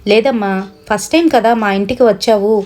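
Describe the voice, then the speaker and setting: A woman voicing a middle-aged mother who fusses over a guest in a soft, insistent way. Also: a little high, a little fast, lightly acted. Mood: insisting.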